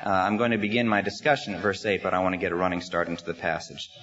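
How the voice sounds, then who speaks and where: A pastor from the United States preaching a sermon in a church sanctuary, speaking at a pulpit microphone in an earnest, measured way with frequent "uh" pauses. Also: male voice, deep voice, a bit bright, soft background music. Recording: slightly muffled sermon recording.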